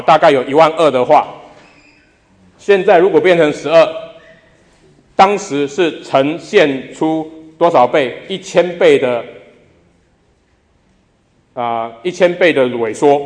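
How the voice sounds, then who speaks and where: A man preaching a sermon as pastor, putting rhetorical questions to the congregation and repeating phrases for emphasis. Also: a little high. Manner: emphatic repetition. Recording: long reverb of a large hall.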